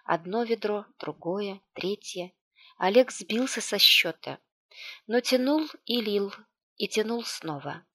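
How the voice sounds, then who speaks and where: A woman reading an audiobook aloud, with a hushed, tense delivery and light character voicing. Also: medium pitch, expressive, slow pace. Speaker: audiobook narrator.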